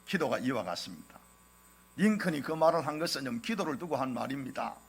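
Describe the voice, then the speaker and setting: Man, Gyeongsang accent, middle-aged pastor, sermon, gravelly husky voice, emphatic rhetorical questions. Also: medium pitch, big pitch swings, fairly quick. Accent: Gyeongsang Korean. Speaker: senior pastor.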